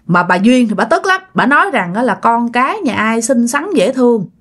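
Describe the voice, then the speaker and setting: Brief: a woman narrating a ghost story, casual and chatty, slightly high voice. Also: big pitch swings, normal speed, fairly bright tone. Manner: chatty, addresses listeners directly.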